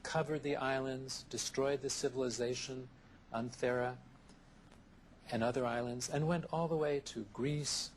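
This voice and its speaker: A man answering interview questions in a thoughtful, measured way, often listing ideas one after another, heard from a worn VHS tape copy. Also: mid-range voice, steady tone, a little hiss or hum, low-quality recording. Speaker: interview guest, therapist.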